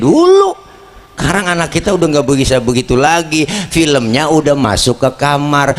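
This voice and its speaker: A man's voice: fairly high pitch, a little hiss or hum. A man giving a joking sermon, talking straight to the crowd. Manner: joking, lively, addresses the crowd directly. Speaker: preacher. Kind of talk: comedic sermon.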